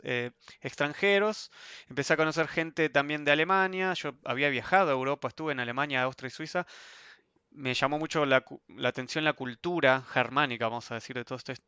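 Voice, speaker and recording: A young Argentine man with an Argentine Spanish accent, speaking in a casual online interview, thoughtful and hesitant, often trailing off softly. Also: medium pitch, creaky, smooth, no echo, dull audio. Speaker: interview guest. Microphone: video call.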